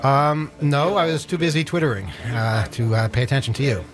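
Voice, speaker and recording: A man hosting a radio show in casual on-air banter. He rambles and trips over his words in a self-deprecating way. His mid-pitched voice sits over clear background music in a broadcast studio. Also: a little fast. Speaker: radio host.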